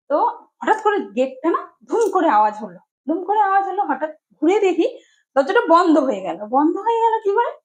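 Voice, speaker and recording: A woman's voice: high voice, rough recording. A young woman telling viewers a story about her child in a chatty, rambling way, full of fillers and restarts.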